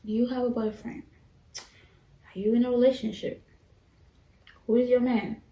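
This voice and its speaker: A woman's voice: on the high side, flat delivery, unhurried, warm tone. A young woman casually chatting to her viewers in a mukbang vlog, giggling and talking while she eats, recorded by a camera mic at a distance in a room at home. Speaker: YouTuber. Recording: roomy echo, off-mic, faint background ambience.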